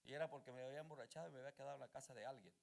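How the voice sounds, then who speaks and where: A male pastor preaching a fervent sermon, moving between calm storytelling and loud shouted calls to his congregation. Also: mid-range voice, very fast, creaky.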